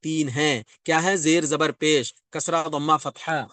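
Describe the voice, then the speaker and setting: A man's voice: fairly high pitch, steady tone, fairly bright tone, no room sound. A man teaching a grammar class, explaining step by step, repeating key terms and checking often whether students follow. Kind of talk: classroom lecture.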